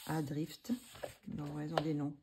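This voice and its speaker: A woman's voice: deep voice, completely flat delivery, moderate pace, background noise. A woman vlogger chatting casually about her coloring books, hesitating often with fillers and restarts. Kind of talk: casual chat.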